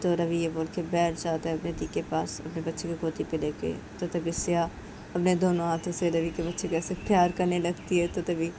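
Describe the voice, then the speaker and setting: A woman's voice: fairly low pitch, completely flat delivery, moderate pace, noisy background. A woman telling a story casually, chaining events with repeated linking words. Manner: repetitive, chains events with filler links.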